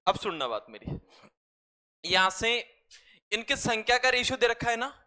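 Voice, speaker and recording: A man teaches a math class in a chatty way, full of jokes and asides to his students. His voice sits high and sounds bright and forceful. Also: very animated, moderate pace. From Rajasthan, India. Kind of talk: classroom lecture.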